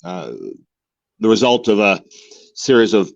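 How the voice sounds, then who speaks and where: The guest in this candid interview is a man in his forties from the United States, at home in Mexico. He speaks earnestly and unhurriedly in a fairly low voice, repeating words as he searches for them. The recording is dry and the audio dull.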